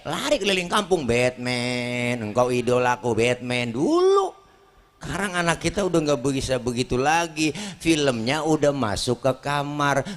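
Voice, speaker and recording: A man with a Betawi Jakarta accent giving a lively sermon at a community gathering, joking and talking back to the crowd. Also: on the high side. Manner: animated, jokey, talks back to the crowd. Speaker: preacher.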